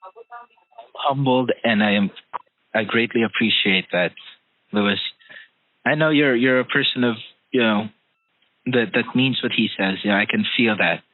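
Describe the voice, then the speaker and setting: A man with a mid-range voice hosts a podcast interview, speaking a little slowly with long pauses. He is earnest yet hesitant, filling gaps with repeated "you know"s. The audio is a tinny phone-line call without room sound.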